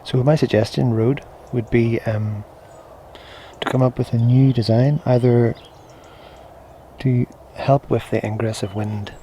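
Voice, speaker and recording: A man's voice: fairly even intonation, unhurried. A man giving a casual, hesitant product demonstration, thinking aloud as he reviews gear. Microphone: small on-camera shotgun microphone via recorder into camera. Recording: noisy on-camera mic, low rumble.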